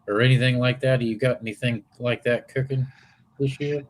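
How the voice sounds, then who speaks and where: A man's voice: mid-range voice, fairly even intonation, fairly quick. A man co-hosting a casual live show, chiming in with brief, dry remarks.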